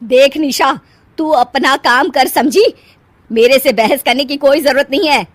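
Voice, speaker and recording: A woman voicing a domineering middle-aged mother-in-law in a cartoon story, loud and scolding. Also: fairly high pitch, animated, moderate pace, breathy edge, no echo. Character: bossy middle-aged mother-in-law, favors one son.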